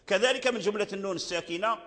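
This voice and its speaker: An older man gives a slow, deliberate religious lesson in a fairly high voice. He repeats his phrases and breaks into short chanted verses. A long reverb hangs behind him, as in a large hall. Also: fairly bright tone. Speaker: Quran recitation teacher. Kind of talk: religious lesson on recitation rules.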